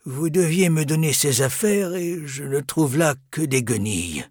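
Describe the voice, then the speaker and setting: An actor playing a calm, firm old street showman in an audiobook, measured and coaxing in a husky voice. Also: on the high side, dry recording, studio quality. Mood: businesslike. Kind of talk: audiobook character voice.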